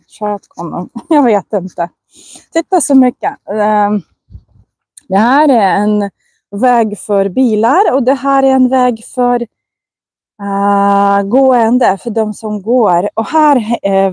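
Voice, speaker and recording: A woman with Russian as her first language, teaching Swedish in a casual walking vlog outdoors, enunciating words slowly and carefully and laughing often. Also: mid-range voice, warm tone, dry recording. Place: outdoors on a residential walk.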